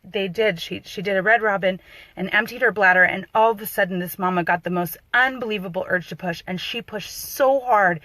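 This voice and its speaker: A doula telling a personal birth story, her voice emotional and close to tears, halting with frequent restarts. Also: mid-range voice, bright, forceful tone, no echo, poor audio.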